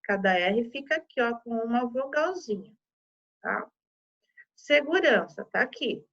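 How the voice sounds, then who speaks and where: Brazilian teacher sounding out syllables. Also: female voice, on the high side, lively intonation, a bit bright. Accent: Brazilian Portuguese. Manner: slow, exaggerated syllable-by-syllable pronunciation with frequent "tá?". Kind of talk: primary school lesson video. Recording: slightly dull lo-fi recording.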